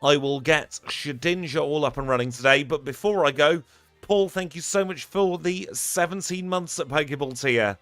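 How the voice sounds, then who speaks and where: A man's voice: fairly high pitch, moderate pace, a bit bright, no room sound, soft background music. A man wrapping up a live game stream, chatty and upbeat as he thanks his viewers one by one. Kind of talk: live stream sign-off chat.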